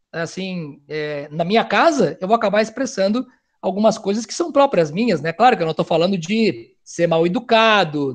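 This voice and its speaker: Loud middle-aged guy, pretty high voice, talking to parents as a family counselor. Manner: loud, animated, talks of speaking loudly. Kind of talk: talk to parents.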